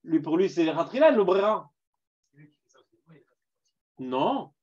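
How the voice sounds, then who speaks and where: A man's voice: high voice, very animated, takes it slowly, a little mellow, muffled recording. A man with a Parisian accent teaching a Talmud class, putting questions to his students and mixing in Hebrew terms. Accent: Parisian French.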